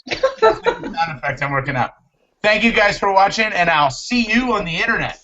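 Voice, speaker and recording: A playful man hosts a casual live chat show and jokes with his guests. His voice sits fairly high. The audio is muffled, with a faint hiss under it. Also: big pitch swings, moderate pace, sharp tone. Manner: playful, jokey, calls out guests. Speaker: host.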